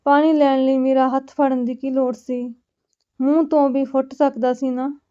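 A woman's voice: high-pitched, fairly even intonation, a little slow, mellow, smooth, lo-fi sound. A woman voicing a fierce young wife in a storybook reading, speaking sharply and defiantly. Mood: angry. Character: fierce young wife standing her ground.

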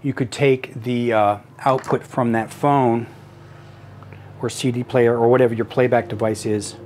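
A middle-aged man walks through a device in a casual tutorial. His voice sits at an average pitch. He speaks haltingly, thinking aloud as he demonstrates each step. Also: steady tone, a little mellow, slight background noise. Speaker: tutorial presenter. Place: small home office room.

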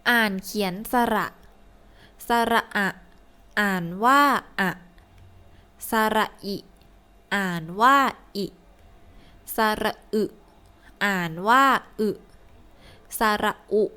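Very slow, clear woman reading aloud. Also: medium pitch, pushed and bright. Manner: slow, deliberate, word-by-word reading. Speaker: teacher reading a first-grade Thai textbook. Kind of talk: slow read-aloud story and letter drill for children.

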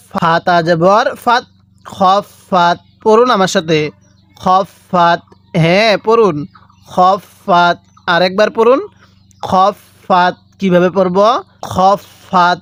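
A man with a Bangladeshi Bengali accent teaching Quran reading, spelling out syllables slowly and drilling the listener to repeat after him. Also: high voice, no echo. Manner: slow, repetitive drilling with call-and-repeat prompts. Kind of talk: spelling-out recitation lesson.

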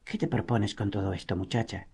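Man doing a pompous nobleman, arrogant, commanding, warm mellow voice. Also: medium pitch, quick pace, natural voice.

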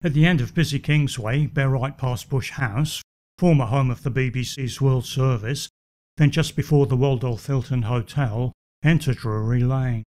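A man giving scripted walking-tour narration, measured with a dry wit. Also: mid-range voice, a little mellow.

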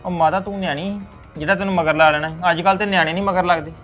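A man speaking quickly as an exasperated son, played by a man caught between wife and mother in a family series, with faint music behind. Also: high-pitched, steady tone, a bit bright. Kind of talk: web series family drama.

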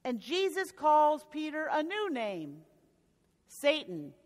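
A woman pastor delivers a storytelling sermon in a high voice. Her words ring out through a church with a long reverberation tail. She sometimes stops and restarts a phrase. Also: big pitch swings, slow pace. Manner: storytelling preaching with occasional restarts. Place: church sanctuary.

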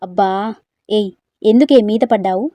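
A woman's voice: on the high side, fairly quick, dark tone, no room sound, lightly acted. A woman voicing a brusque young man who scolds his cousin sharply. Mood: irritated. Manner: scolding, curt.

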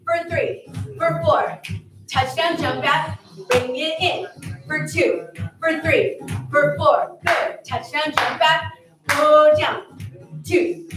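A woman's voice: sits high, steady tone, takes it slowly, long pauses. A woman fitness instructor calling out counts and cues in short, punchy, encouraging commands with upbeat energy. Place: indoor fitness studio with wooden floor. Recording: distant echoey studio with music playing. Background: workout music.

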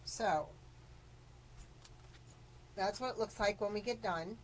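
A woman's voice: medium pitch, takes it slowly, background noise. A woman hosting a live craft tutorial, explaining each step in a chatty way, greeting viewers and coughing now and then. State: coughing after choking. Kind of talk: live-streamed craft demonstration.

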